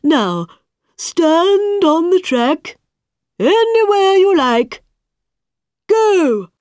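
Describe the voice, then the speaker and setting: A large, important male dodo who declares everything loudly and with total confidence, voiced by a woman storyteller. His voice is pitched high and moves a lot, and he speaks very slowly. The sound is dry and close. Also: very animated, dry recording, heavily acted. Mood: bossy. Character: large, important-looking male dodo bird, bossy and cheerful.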